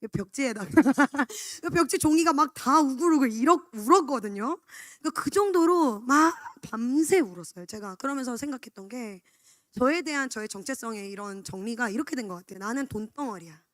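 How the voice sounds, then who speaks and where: A young woman shares her personal testimony with candid, confessional storytelling. Her voice sits a little high, and the sound is dry and close. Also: animated, brisk, no echo. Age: 20s. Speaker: church education staff member.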